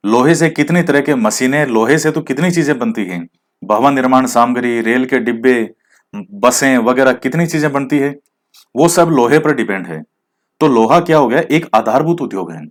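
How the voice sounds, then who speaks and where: A man's voice: mid-range voice, moderate pace. Man teaching a lesson, asking and answering. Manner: explains, then quizzes with questions he answers himself; mixes English words into Hindi. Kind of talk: exam-prep lecture.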